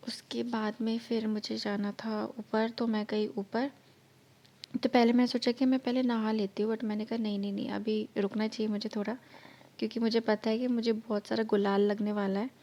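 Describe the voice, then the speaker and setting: A woman's voice: on the high side, little pitch movement, moderate pace, dark tone. Chatty woman with a slightly sore throat. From India. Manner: chatty, explains each step. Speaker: vlogger. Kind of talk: cooking vlog voice-over.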